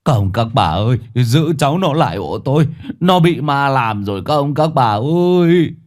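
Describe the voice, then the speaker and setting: A man voicing an alarmed villager loudly calling out for help. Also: mid-range voice, expressive, normal speed, voice pushed up, natural voice. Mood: alarmed shouting. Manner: loud calling out.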